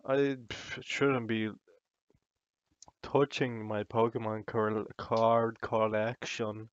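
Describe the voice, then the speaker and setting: A man's voice: lowish voice, little pitch movement, slow, clear, resonant tone, no echo, muffled recording. A drunk man in a casual, sweary, meandering and self-deprecating ramble to the camera, as a vlogger does.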